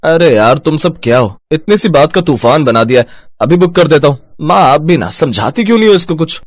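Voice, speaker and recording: A man's voice: fairly high pitch, expressive, no room sound. A man voicing an impatient, dismissive young husband in a cartoon story. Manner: dismissive, brisk.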